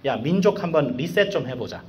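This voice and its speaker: A man's voice: medium pitch, very animated, fairly quick, muffled recording, lightly acted. A man voicing an exasperated God who talks bluntly and casually about being fed up.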